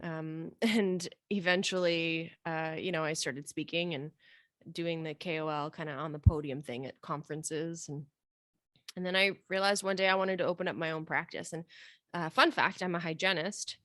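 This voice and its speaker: Romania-raised woman in her thirties, hygienist guest, casual and jokey, low voice. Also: steady tone, moderate pace, a bit bright, no room sound, clean studio sound. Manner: chatty, joking, lots of "like". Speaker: guest, dental hygienist and practice owner. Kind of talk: casual interview chat.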